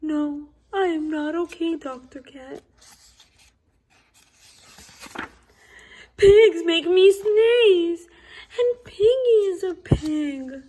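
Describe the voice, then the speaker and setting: Woman voicing a fretful elephant, melodramatic, hesitant, sneezy, high slow voice, storybook. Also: dark tone. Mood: relieved. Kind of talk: storybook read-aloud.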